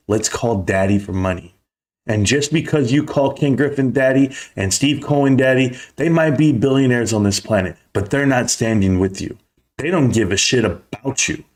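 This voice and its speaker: A man delivering an escalating comedic rant to camera as an online commentator, combative, emphatic and taunting, with profanity. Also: mid-range voice.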